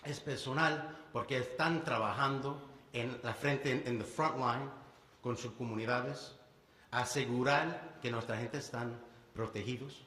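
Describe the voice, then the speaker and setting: A man in his thirties with a Puerto Rican accent, a state legislator giving a halting press conference speech, full of restarts and English words. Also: mid-range voice, fairly even intonation, fairly bright tone. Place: bill signing event indoors. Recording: echoey hall with long reverb.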